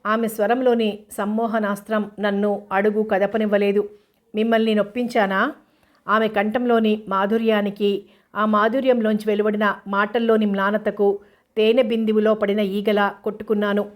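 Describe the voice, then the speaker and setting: A woman reads a novel aloud as an audiobook narrator. Her delivery is steady and measured, keeping to a narrow, level pitch at a middle height for a woman.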